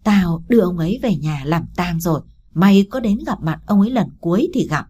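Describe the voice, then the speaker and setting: A harsh older stepmother, loud and sharp, spitting scorn at every word, as a woman narrator puts her on. Her husky, darkish voice pushes higher and harder than the reader's own. An audiobook story voice. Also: animated, fairly quick. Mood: contemptuous. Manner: shouting, contemptuous scolding.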